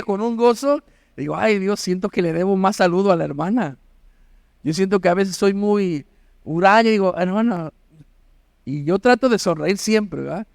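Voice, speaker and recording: A pastor with a fairly high, smooth voice delivers a Sunday sermon to his congregation. He keeps checking in with the listeners, tagging short phrases with quick questions. The sound is dry, with little room echo. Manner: asks the congregation constant questions. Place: church auditorium.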